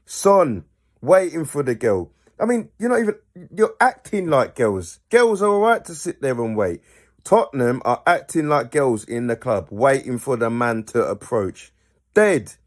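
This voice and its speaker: A young man, hosting a football fan channel and ranting to camera with animated rhetorical questions. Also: medium pitch, unhurried. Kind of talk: pre-match fan rant to camera.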